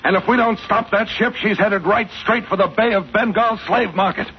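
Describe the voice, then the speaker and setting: A man's voice: high-pitched, normal speed, close to an everyday voice. A man playing a terse, take-charge American adventurer captain in a 1940s radio serial. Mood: forceful, impatient. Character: brisk, commanding, impatient male adventurer captain. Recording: muffled, very noisy 1940s radio recording.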